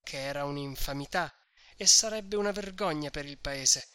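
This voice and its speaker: A reader narrating a classic novel in a measured storytelling manner for an audiobook. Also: mid-range voice, bright, forceful tone, smooth, no echo, studio quality.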